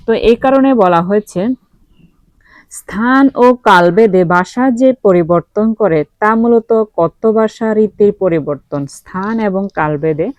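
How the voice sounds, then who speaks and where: A woman's voice: medium pitch, slow, a little mellow, no echo. A woman from Comilla, Bangladesh, teaching a grammar lesson. She often asks a question and then answers it herself, with many fillers along the way.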